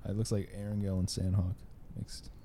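A man's voice: deep voice, flat delivery, normal speed, mellow, a little hiss or hum. A young man co-hosting a podcast in casual, crude, argumentative chat. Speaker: podcast co-host.

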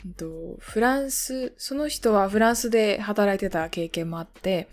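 A woman's voice: medium pitch, unhurried. A young woman in casual podcast chat, talking with many fillers and laughing now and then. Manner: chatty, many fillers, laughs while telling a story. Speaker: podcast co-host.

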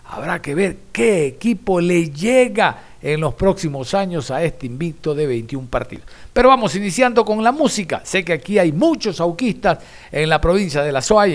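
A man with an Ecuadorian accent hosting a sports talk show, chatty and emphatic, asking and answering his own questions. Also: high voice. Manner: chatty, emphatic, asks himself rhetorical questions. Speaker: sports radio host.

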